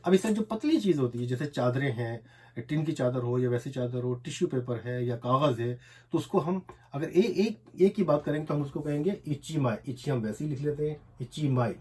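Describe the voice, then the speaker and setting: Mellow-voiced man teaching, slow repetitions. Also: medium pitch, lively intonation. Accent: Urdu. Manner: repetitive, drills words slowly one syllable at a time. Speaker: language teacher. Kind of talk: explaining a lesson while writing on a board.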